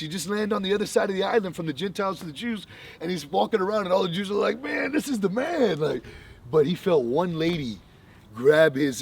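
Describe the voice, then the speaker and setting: A man's voice: a little high, vocal fry, husky, far from the mic. Slangy young guy telling a story. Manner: animated storytelling, slangy, lots of fillers. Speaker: vlogger. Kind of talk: casual chat.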